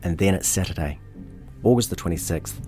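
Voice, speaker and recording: Deep-voiced New man narrating. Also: animated, over loud music. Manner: measured, matter-of-fact storytelling. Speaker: podcast host. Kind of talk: scripted true-crime narration.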